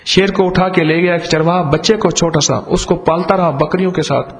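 A Pakistani man preaching and telling parables, his voice pitched fairly high. He acts out the dialogue with lively emphasis. His voice rings through a long hall reverb. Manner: storytelling, acts out dialogue, rising and falling emphasis. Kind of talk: sermon with parables.

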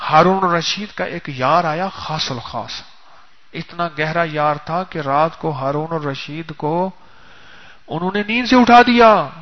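A male preacher telling a story in a sermon, speaking straight to his listeners. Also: fairly high pitch. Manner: animated, addresses listeners directly. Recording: dull lo-fi recording.

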